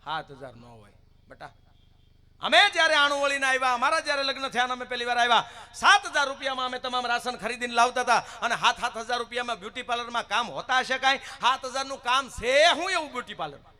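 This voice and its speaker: A man voicing a thrifty old mother-in-law who scolds loudly and emphatically. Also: very high-pitched, lively intonation, fast talker, pitched above the performer's own voice, heavily acted. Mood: scolding.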